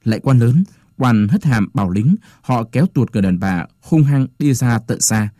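Brief: male audiobook narrator, mellow dark tone, dramatic delivery. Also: mid-range voice, moderate pace, no room sound, clean studio sound. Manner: dramatic expressive reading. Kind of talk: audiobook story reading.

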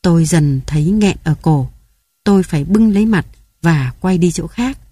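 A woman narrating a literary story in a slow, measured, solemn way. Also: fairly low pitch, animated, mellow, breathy edge, no room sound.

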